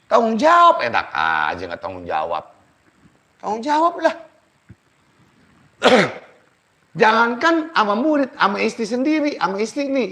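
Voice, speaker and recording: A man's voice: high voice, fairly bright tone. A middle-aged man, a spiritual teacher and healer preaching and giving advice on a live stream. He is emphatic and repeats phrases for stress.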